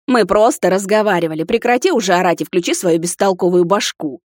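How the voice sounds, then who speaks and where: A woman's voice: medium pitch, brisk, darkish tone, no echo, studio quality, natural voice. A woman voicing a young male prince who pleads with his angry friend, his voice raised. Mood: pleading. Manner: raised, appeasing.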